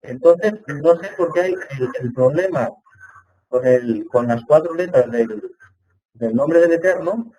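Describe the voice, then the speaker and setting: A man's voice: on the high side, a little slow, mellow, poor audio. A man attending an online Hebrew seminar, asking long winding questions and thinking aloud, on a computer mic. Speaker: seminar participant.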